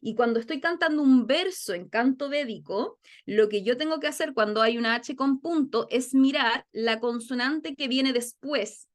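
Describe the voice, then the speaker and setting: A woman's voice: sits high, moderate pace, hardly any pauses. A young woman, teaching a webinar lesson on a video call, explaining patiently and often checking with "ok?". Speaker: yoga and Sanskrit phonetics teacher.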